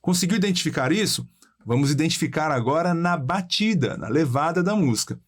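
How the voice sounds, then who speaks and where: A man's voice: fairly high pitch, lively intonation, fairly quick. A male music teacher explains a guitar and singing lesson step by step, counting beats aloud.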